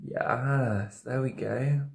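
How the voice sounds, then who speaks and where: A drunk man in his twenties talks casually to camera as if giving a tutorial. He rambles, second-guesses himself and loses his thread. The recording is roomy and echoing, with an average-pitched male voice. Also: steady tone, extremely slow, creaky, darkish tone. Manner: rambling, self-doubting, losing his thread. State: tipsy, drunk on wine. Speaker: makeup video creator. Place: indoor home studio with dark backdrop, roomy. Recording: roomy, echoing indoor sound.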